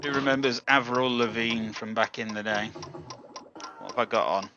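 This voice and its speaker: A man's voice: mid-range voice, moderate pace, highs cut off, music in the background. A man casually hosting a live viewer contest, chatting politely and addressing people directly. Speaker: livestream host of a slot-machine contest.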